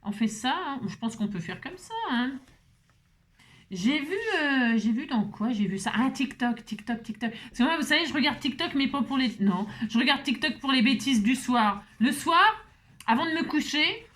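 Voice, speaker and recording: A crafting channel host sits at her home table with the camera set up on it, chatting casually to viewers in a high, animated, slightly bright voice at normal speed. She rambles and keeps tossing asides to her audience.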